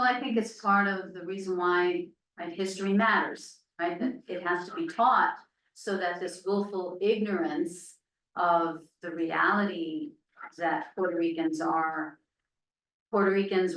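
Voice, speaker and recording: A woman's voice: lowish voice, steady tone, unhurried, fairly bright tone. A woman panelist speaks in an earnest, emphatic and persuasive way. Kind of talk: panel discussion. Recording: roomy, distant.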